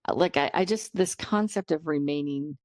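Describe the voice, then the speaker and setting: A woman hosting a podcast, talking in a thoughtful, searching way with many pauses and fillers, her voice slightly worn. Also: low-pitched, darkish tone, dry recording, clean studio sound. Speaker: podcast host. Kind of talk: reflective interview conversation.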